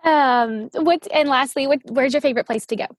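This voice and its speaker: Bubbly high-voiced woman hosting a podcast. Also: brisk, no room sound. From New Orleans, US. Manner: upbeat, chatty, says "like" a lot. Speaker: podcast host. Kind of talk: casual podcast interview.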